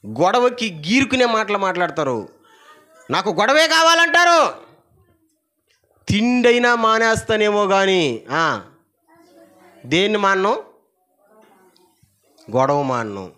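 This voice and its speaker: A man with a high-pitched voice preaches with animated energy at a church service. He leads his listeners in call-and-response, pressing them to say the verse louder. His delivery swings from forceful cries to quiet asides. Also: unhurried, pauses often. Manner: animated preaching, prompts the congregation to repeat verses aloud; swings between loud emphatic lines and low asides. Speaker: pastor. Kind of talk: sermon.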